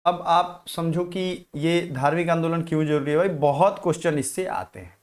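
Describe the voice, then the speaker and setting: A man's voice: on the high side, normal speed. A man teaching a live online exam-prep class, firing questions at viewers, answering them and reading their comments.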